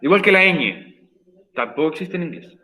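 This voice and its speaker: Emphatic male English teacher, higher voice. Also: animated, moderate pace, bright, forceful tone, poor audio. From Chile. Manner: patient, repeats points for emphasis. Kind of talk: recorded online class explanation.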